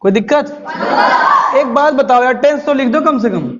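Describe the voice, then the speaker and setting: High-voiced teacher scolding his class. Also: normal speed, a crowd in the background. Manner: drilling and coaxing, scolds the class to repeat aloud. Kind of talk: live classroom lecture. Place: classroom with students. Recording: muffled classroom recording with steady noise.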